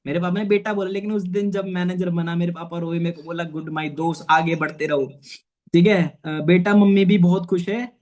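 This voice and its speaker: A man in his twenties, working as a network marketing manager, delivers an earnest and personal motivational talk over an online meeting, often adding "theek hai." His high voice is steady and darkish, and he talks fairly quickly with hardly any pauses.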